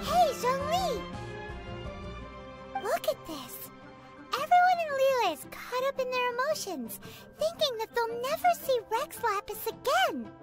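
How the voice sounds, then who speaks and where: A tiny, bossy floating companion in a game, squeaking at a very high pitch and bouncing all over her range as she teases and talks about herself in the third person. Loud game music plays behind her. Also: very animated, unhurried, exaggerated voice. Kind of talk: video game voice acting.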